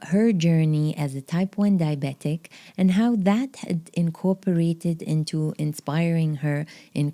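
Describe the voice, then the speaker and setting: Lady podcast host, earnest, lots of uhs, deep mellow voice. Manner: earnest, with frequent fillers. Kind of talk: podcast interview.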